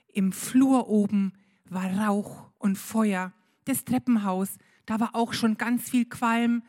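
A woman, leading a church service for children with slow, expressive storytelling. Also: mid-range voice.

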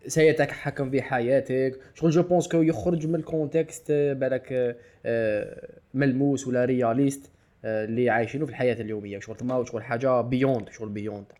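A man co-hosting a casual discussion podcast, thinking aloud with drawn-out "aah" fillers and switching into English and French. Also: medium pitch, fairly even intonation, warm tone. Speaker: podcast co-host.

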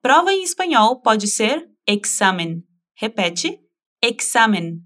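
A woman teaching a language lesson in a slightly high voice. She is patient and encouraging, modeling each phrase slowly and asking the listener to repeat after her. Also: sing-song, a bit bright.

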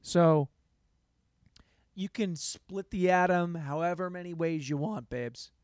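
Young male podcast host, sarcastic rambler, fairly high voice, dry studio sound. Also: takes it slowly, smooth, no echo. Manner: sarcastic, self-mocking, jumps between loud bursts and mumbled asides. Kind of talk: rambling solo comedy podcast.

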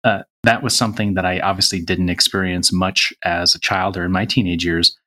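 A man's voice: sits low, flat delivery, fairly quick, pushed and bright. A man chatting earnestly as a guest on a podcast, reflecting on his life choices. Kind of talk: casual conversation.

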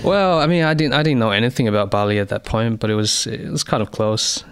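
A man in his thirties or forties who grew up in China, speaking as an interview guest in a measured, reflective way with frequent fillers. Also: lowish voice, clean tone. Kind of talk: conversational interview.

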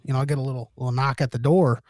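A man's voice: mid-range voice, fairly even intonation, racing, darkish tone, no echo. A man co-hosting a casual podcast, telling a long rambling anecdote with lots of swearing and quoted back-and-forth. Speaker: podcast co-host. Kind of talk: casual chat, storytelling.

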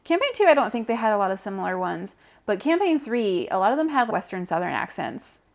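Speaking a little fast with vocal fry, a woman co-hosts a podcast and reflects on voicing characters in tabletop RPGs. Her mid-range voice is very animated, and her casual, chatty manner comes with easy laughter.

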